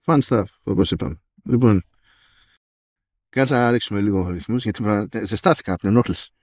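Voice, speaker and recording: A man's voice: on the low side, darkish tone, no echo. Chatty man, dry close sound. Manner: chatty, wry, reads out news items. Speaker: podcast co-host. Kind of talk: casual chat about tech news.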